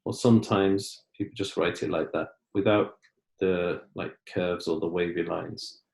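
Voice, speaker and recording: A man's voice: sits low, fairly even intonation, very slow, vocal fry, a little mellow, roomy sound. A man teaching an Arabic lesson, patiently explaining in English and Arabic. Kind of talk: online language lesson.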